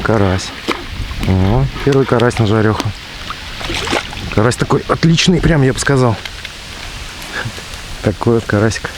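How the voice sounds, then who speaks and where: A man's voice: mid-range voice, lively intonation, a little slow, pauses often. A man giving casual running commentary as he fishes outdoors, in short muttered remarks and exclamations, with wind hitting the microphone. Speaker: fishing vlogger. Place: outdoors by open water in strong wind. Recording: strong wind buffeting the mic outdoors.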